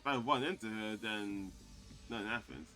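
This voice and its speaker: A man's voice: lowish voice, moderate pace, bright, forceful tone, soft background music. A young man casually commenting on a game he plays, swearing now and then and reading its text aloud. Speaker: gaming video host. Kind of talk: let's play commentary.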